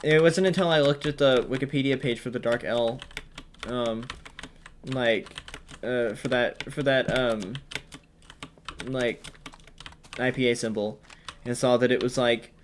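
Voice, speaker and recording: A man rambles through casual commentary while playing a game, circling back and restarting his sentences. His voice sits at an ordinary middle pitch. Faint keyboard clicks tick in the background. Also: fairly even intonation, unhurried, long pauses, a little hiss or hum. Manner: rambling, hesitant, many fillers and restarts. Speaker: gaming commentator. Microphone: headset or desk mic while wearing headphones.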